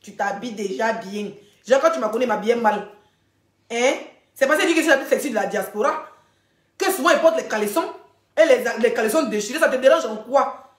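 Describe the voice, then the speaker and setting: A woman hosting a ranting gossip live stream, animated, laughing often and addressing her viewers directly. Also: on the high side, fairly quick. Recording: roomy echoey room.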